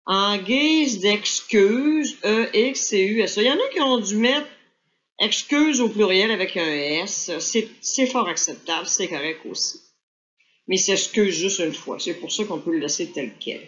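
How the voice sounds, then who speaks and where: A woman's voice: medium pitch, slight background noise. A woman teacher, reading a dictation aloud and then correcting it, spelling words out letter by letter. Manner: slow, deliberate dictation pace. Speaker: French teacher. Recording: dull lo-fi recording.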